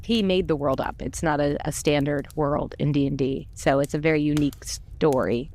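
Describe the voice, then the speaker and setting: A woman who voice-acts on an audio drama podcast chats casually, informal and self-effacing, rambling a bit as she goes. Her low, slightly mellow voice keeps fairly even intonation at a normal speed.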